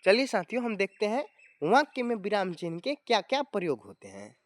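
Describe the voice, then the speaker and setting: A man's voice: sits high, wildly swooping pitch, a little fast, dry recording, studio quality. A man teaching a grammar lesson to exam students, explaining step by step and often addressing viewers as friends. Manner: explanatory, often calling viewers "friends" and adding tag words.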